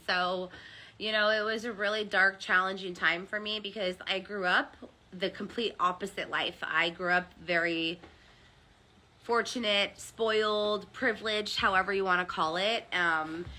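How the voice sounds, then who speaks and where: Woman, American, bright tense voice, earnest confessional testimonial. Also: lowish voice. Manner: earnest, confessional, frequent ums. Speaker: hairdresser turned seller. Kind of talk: personal testimonial.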